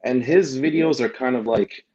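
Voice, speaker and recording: In a casual interview, a young German delivery driver and vlogger talks at a moderate pace in a slightly mellow mid-range voice. He rambles as a guest, restarting frequently and adding tags like "right?". The recording sounds muffled.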